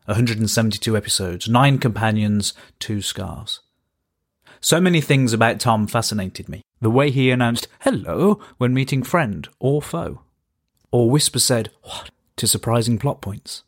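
A man in his thirties from Birmingham, hosting a podcast and reading his own story with dry, wry understatement. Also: fairly low pitch. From Birmingham, England. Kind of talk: scripted first-person storytelling.

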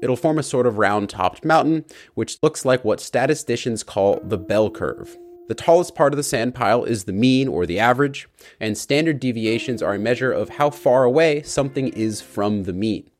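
A podcast host with a mid-range, expressive male voice talks at a normal speed. He narrates and explains ideas plainly, using everyday examples and images in a conversational way.

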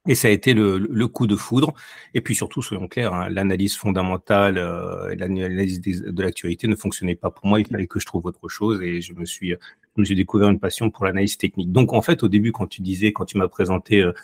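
A man being interviewed as a guest on a podcast, speaking over a low-quality long-distance call and explaining in a hesitant way, often repeating words. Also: steady tone, brisk, vocal fry, breathy edge, no room sound, clean studio sound. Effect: low-quality long-distance call audio. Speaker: podcast guest, technical analyst.

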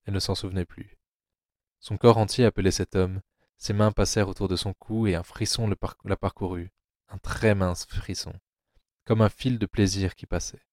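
Deep-voiced male drama narrator. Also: normal speed, dry recording, studio quality. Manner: low, steady storytelling.

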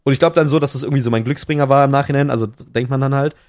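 A man's voice: medium pitch, steady tone, very fast, a little mellow. A young man retelling a close call in casual slangy chat, full of restarts, on a podcast mic. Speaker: podcast co-host.

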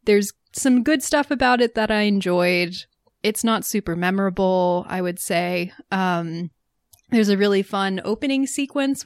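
A woman's voice: medium pitch, dry recording. Woman rambling about a movie she saw, dry close mic, mid voice. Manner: chatty, thoughtful, laughs easily. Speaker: podcast co-host. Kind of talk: casual chat.

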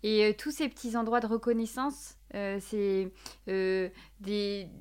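A woman's voice: mid-range voice, level tone, measured pace, darkish tone, clean tone. A woman hosting an interview, asking long, winding questions with many euhs. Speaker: host, interviewer.

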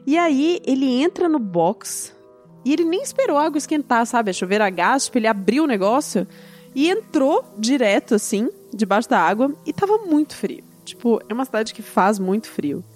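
A woman telling a story in a casual chat, animated and often laughing. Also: fairly high pitch. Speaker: storyteller guest.

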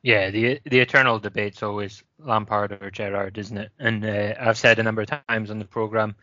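A man sharing casual football opinions as a regular panellist, measured and agreeable. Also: lowish voice, little pitch movement, sharp tone, no room sound. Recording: dull lo-fi audio.

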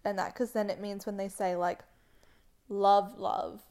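A woman's voice: medium pitch, steady tone, fairly quick, warm tone. A young woman co-hosting a podcast in casual chat, reflective and asking probing questions. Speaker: podcast co-host.

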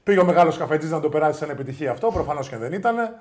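Loud joking man, high voice. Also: animated. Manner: loud, teasing and jokey. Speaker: podcast co-host. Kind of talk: casual sports podcast banter.

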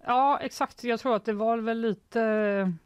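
A woman's voice: a little high, fairly even intonation, smooth, no echo. A woman hosting a casual news podcast, relaying stories with wry, dry quips.

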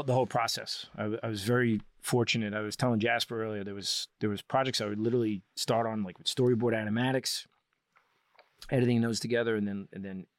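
A man's voice: medium pitch, no room sound. A man, a guest on an interview show, telling long enthusiastic stories about his work with lots of restarts. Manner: enthusiastic, rambling explanations with frequent restarts. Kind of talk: casual interview storytelling.

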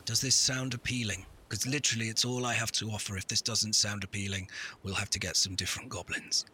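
Man playing a brisk hooded wizard, bright voice. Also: on the low side, little pitch movement, slight background noise, voice pushed down. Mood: persuasive, matter-of-fact. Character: hooded human male wizard, brisk, businesslike stranger.

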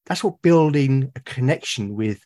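With lively intonation at normal speed, this British artist and podcaster from the United Kingdom speaks in a medium-pitched, slightly mellow voice. Appearing as an interview guest in casual conversation, he sounds hesitant and tends to repeat words when starting sentences.

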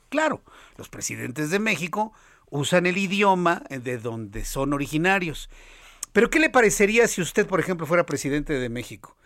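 A man hosting a radio talk show, chatty, steering his guests with leading questions and a steady "ujú" of agreement. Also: fairly high pitch, dry recording, clean studio sound. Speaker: radio host. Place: radio studio. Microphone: studio microphone.

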